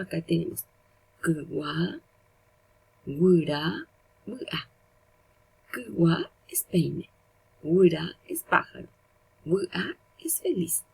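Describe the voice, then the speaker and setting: Woman teacher, patient and step-by-step, with a gravelly, raspy low voice. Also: mellow, poor audio. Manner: patient, explains step by step and repeats example words. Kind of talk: recorded language lesson.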